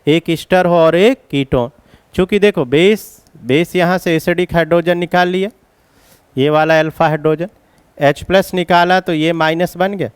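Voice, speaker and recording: A man lectures on chemistry, walking his students through each step of a reaction and coaxing them to keep up. His voice sits fairly high for a man and comes through smooth and crisp. The sound is dry and close, with little room around it. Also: fairly even intonation, moderate pace, dry recording. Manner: explains step by step, addresses students as children. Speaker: chemistry teacher. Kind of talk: classroom lecture at a board.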